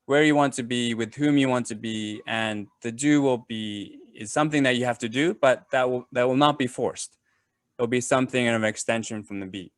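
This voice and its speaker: A man giving a casual webinar talk on a video call, pausing often with fillers and restarts. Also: medium pitch, dry recording, studio quality. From Japan. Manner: hesitant, many fillers and restarts. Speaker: webinar presenter.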